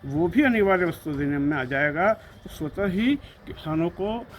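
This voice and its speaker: High-voiced man speaking emphatically. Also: lively intonation, moderate pace, slight background noise. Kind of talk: political discussion.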